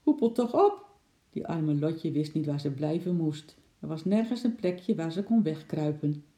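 A narrator reading a children's storybook aloud in a calm storytelling manner, with a roomy echo. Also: medium pitch, normal speed.

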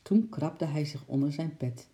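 Man reading a kids story, calm steady pace, super dark mellow voice. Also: fairly high pitch, measured pace.

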